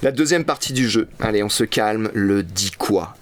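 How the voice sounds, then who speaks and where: A man's voice: fairly low pitch, expressive, moderate pace, slight background noise. A man hosting a quiz game, announcing rules and scores playfully. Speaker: quiz host.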